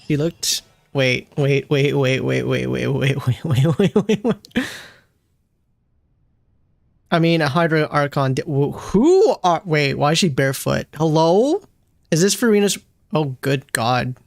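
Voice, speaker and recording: A woman streamer reacting live and casually to a game, excitable and slangy, repeating herself in disbelief. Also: deep voice, measured pace, creaky, no echo.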